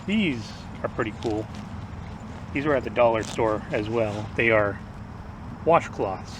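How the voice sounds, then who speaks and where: A man's voice: fairly low pitch, unhurried. A man casually rambling through survival gear as a vlogger, offhand, his speech slightly off after having teeth pulled. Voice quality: slightly impaired speech after tooth extraction. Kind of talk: casual product rundown to camera. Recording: distant mic, noisy outdoor ambience.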